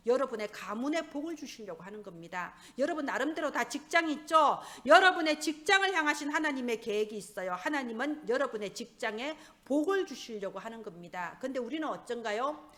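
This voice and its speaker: A woman's voice: sits high, fairly bright tone. A woman pastor preaching a sermon with emphatic, rising and falling stress.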